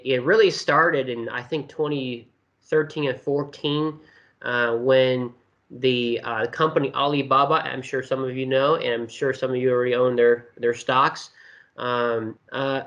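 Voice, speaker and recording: Male guest from China, mid-pitched, halting and loose delivery, easygoing explainer. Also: sharp tone. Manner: hesitant, many fillers and restarts. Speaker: interview guest. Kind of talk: casual explanatory interview talk.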